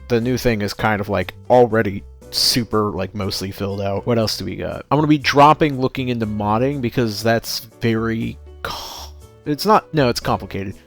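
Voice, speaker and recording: A man talking casually in a rambling solo vlog, often correcting himself and breaking off mid-sentence. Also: mid-range voice. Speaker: vlogger.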